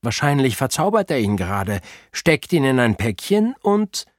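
A man's voice: medium pitch, very animated, moderate pace, no room sound, clean studio sound, pitched above the performer's own voice. A man voicing a cautious, stubborn schoolboy in a children's audiobook, insistent and worried. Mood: urgent.

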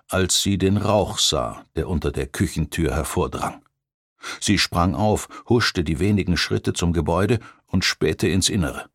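A man narrating a thriller audiobook in a measured, even storytelling voice. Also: low voice, vocal fry, no echo, clean studio sound. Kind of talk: scripted narration.

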